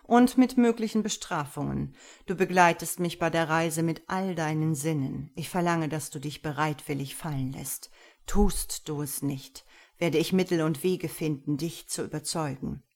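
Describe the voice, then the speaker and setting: A woman's voice: low-pitched, darkish tone. A woman voicing a stern, commanding dominant man. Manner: cold, measured commands.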